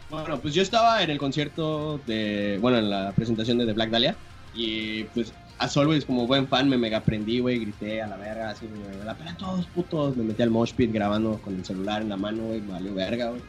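A young man with a Mexican accent telling a story to friends in casual, slangy chat, excited and swearing freely. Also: fairly low pitch, fairly quick, faint music behind. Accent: Mexican Spanish.

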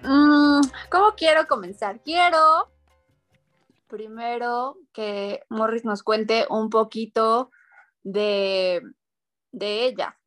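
A woman's voice: a little high, drawn-out words, a bit bright, faint music behind. Chatty woman hosting a podcast. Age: 30s. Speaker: podcast host. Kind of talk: casual chat.

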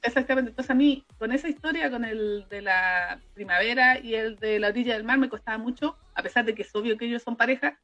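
A woman's voice: on the high side, fairly quick, few pauses, a bit bright, lo-fi sound. A Chilean woman co-hosting a podcast, chatting casually about an anime and often restarting her sentences. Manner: chatty, hesitant, trailing restarts. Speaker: podcast co-host. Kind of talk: casual anime review chat.

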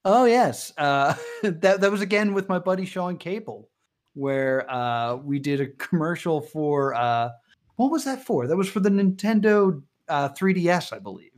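A man, a comedian and wrestler, talking casually in an interview and telling stories with lively quoted voices. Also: a little slow. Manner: animated storyteller, voices quotes with big pitch jumps. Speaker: guest comedian.

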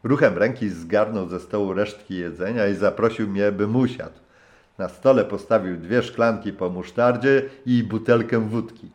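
A man reading a travel memoir as an audiobook, in calm, measured narration. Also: lowish voice. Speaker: audiobook reader. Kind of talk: scripted narration.

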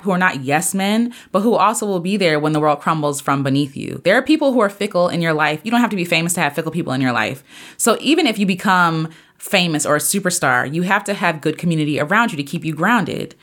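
A woman in her thirties hosting a podcast, talking earnestly and preachily in a casual motivational monologue, with sudden jumps up in pitch. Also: a bit bright. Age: 30s. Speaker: podcast host and singer.

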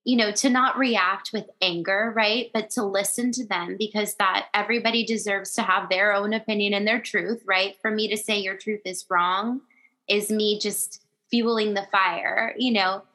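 A woman's voice: medium pitch, steady tone, moderate pace, sharp tone, low-quality recording. A woman in her thirties hosting a podcast, chatting earnestly and laughing often. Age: 30s. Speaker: podcast host. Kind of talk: casual chat.

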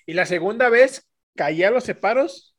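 Mexican guy on a podcast, kinda high voice, tells dirty stories full of slang and does everyone's voices. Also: expressive, normal speed. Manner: crude slangy storytelling, acting out voices of others. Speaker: podcast guest storyteller. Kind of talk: casual podcast chat.

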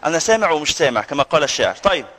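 A man's voice: fairly high pitch, very animated, racing, a bit bright. A man with an Egyptian accent, a sheikh giving a live lecture to a room full of students, joking and teasing his audience between points. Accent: Egyptian Arabic. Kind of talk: live religious lecture with banter. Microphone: handheld or stand mic, with some feedback whistle.

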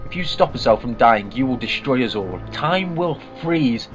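A man's voice: mid-range voice, lively intonation, normal speed, natural voice. An earnest, clever time traveller, voiced by a man in a homemade audio drama. He talks urgently in a mid-range voice. The recording is dull and lo-fi, with faint music behind. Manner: urgent, explaining.

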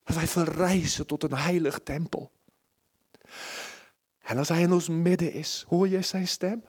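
A man preaching at a church service in a slightly raised, husky voice. He is impassioned, pushing up into urgent pleading, then dropping to a hushed whisper. The sermon has a personal, testimonial tone. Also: a little high, steady tone, measured pace.

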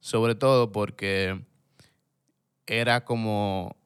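A man with a Dominican accent and a lowish, clean-toned voice speaks extremely slowly and steadily. He hosts a casual film podcast, talking in slangy, colloquial speech sprinkled with English words.

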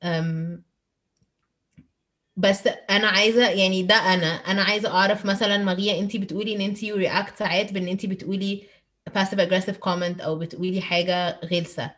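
A woman with an Egyptian accent leads a relaxed, reflective group discussion. She slips between Arabic and English within a sentence as she puts questions to the others. Her pitch sits in the middle for a woman. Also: fast talker. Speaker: discussion host posing questions. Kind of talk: casual reflective group chat.

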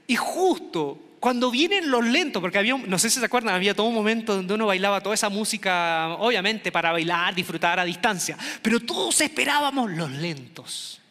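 A middle-aged man from Chile tells a funny story on stage, animated and acting out the voices of everyone in it. His voice sits high and bright, with a forceful edge. It rings out with the long reverb of a big hall. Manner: animated, acts out quoted voices. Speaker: stand-up comedian. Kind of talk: comic storytelling to an audience.

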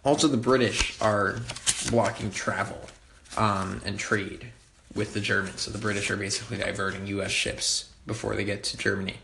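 A man's voice: lowish voice, fairly even intonation, moderate pace, gravelly, pushed and bright, roomy sound, slight background noise. A man giving a casual history lecture, talking loosely with many fillers and wry asides. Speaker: history tutor.

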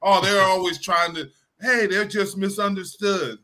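A man's voice: high voice, fairly even intonation, a little slow, very noisy. A man co-hosting a sports talk show in casual chat, joking and teasing. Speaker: co-host.

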